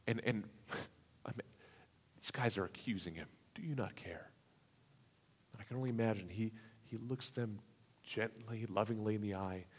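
A man preaching a sermon, with dramatic swings between hushed, slow passages and loud, emphatic ones. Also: fairly low pitch. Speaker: pastor. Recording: long hall reverb.

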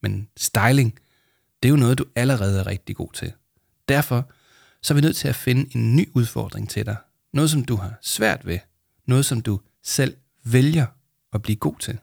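A man reading a storybook and voicing a calm, warm adult mentor who speaks patiently. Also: mid-range voice, creaky, dry recording, clean studio sound. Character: calm kindly adult mentor, gently smiling.

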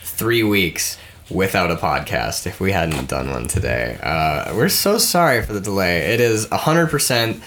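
Stuffed up with a cold, a young podcast co-host rambles through a story with laughs in a casual chat. His voice sits low and a bit bright, very animated though a little slow, with a slight hiss or hum on the audio.

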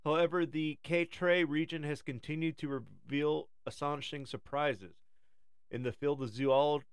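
A man reading scripted narration in a measured, formal, nature documentary manner. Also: on the high side, fairly even intonation, clean tone, dry recording. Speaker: podcast co-host.

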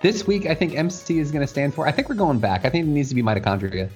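A man's voice: fairly high pitch, expressive, fast, darkish tone, faint music behind. A man hosting a podcast in an informal, jokey, chatty way. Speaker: podcast host. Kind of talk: casual chat.

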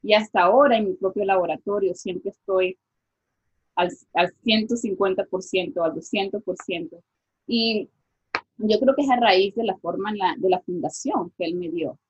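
A Venezuelan woman with a Venezuelan accent appears as a guest scientist in a casual interview, her medium-pitched voice slightly breathy and the recording's highs cut off. She is reflective, pausing often with fillers like "este" and "o sea".

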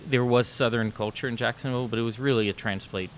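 This man in his fifties, born in New York and raised in Florida and South Carolina, reminisces casually as an interview guest. His medium-pitched voice moves fast with fairly even intonation. The recording has clear background noise.

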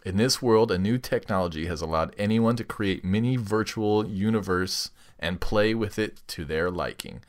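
A man's voice: fairly low pitch, normal speed, few pauses. A man co-hosting a casual comedy chat, playfully reading a listener's text aloud with mock dramatic emphasis. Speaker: podcast co-host reading listener prompts.

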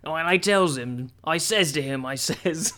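A man's voice: a little high, normal speed, sharp tone. A man voicing a drunk rural English man who rambles crudely, in a put-on rural English accent. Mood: gossiping.

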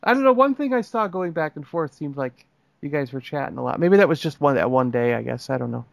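A man's voice: fairly high pitch, lively intonation, fast, vocal fry, no room sound. A man co-hosting a casual podcast, chatting in a rambling, jokey way that keeps interrupting itself. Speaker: podcast co-host. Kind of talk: casual chat.

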